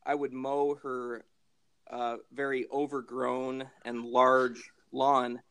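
A man co-hosting a casual comedy podcast, with a deadpan, wry way of joking. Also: mid-range voice, slow, smooth, dry recording. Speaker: podcast co-host.

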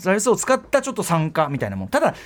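A man hosts a radio show and rattles off announcements at a very fast clip. His fairly high voice swings up and down with a lot of life. He rambles, corrects himself mid-sentence and adds polite asides. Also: wildly swooping pitch. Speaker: radio host.

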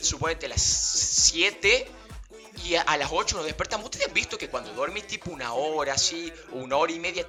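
Young guy, bright and lively delivery, slangy rambling storyteller, faint music underneath. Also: a little high. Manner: slangy, animated, laughing, rambling with fillers. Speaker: vlogger. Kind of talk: casual storytelling anecdote.

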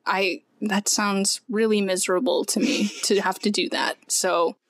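A woman's voice: medium pitch, steady tone, unhurried, dry recording. A young woman, a podcast guest, earnestly telling her personal story with many "like" fillers. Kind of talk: personal testimony in conversation.

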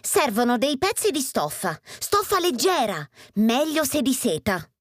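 A man's voice: very high-pitched, sing-song, a little slow, a bit bright, no echo, studio quality, voice pushed up, full character voice. A man doing an eager young fire-breathing elf. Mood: earnest. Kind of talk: children's storybook voice acting.

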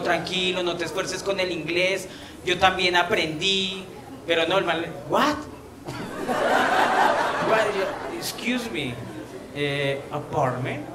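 A man with a Colombian accent co-hosting a comedy podcast, joking playfully at his own expense. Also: sits high. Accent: Colombian Spanish. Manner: self-deprecating, playful jokes. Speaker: podcast co-host. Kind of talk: casual comedic podcast banter. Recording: roomy sound with audience laughter.

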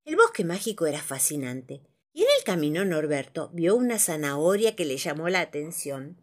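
A woman narrating children's stories as a storyteller, with a lively, dramatic reading style. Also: sits low, moderate pace.

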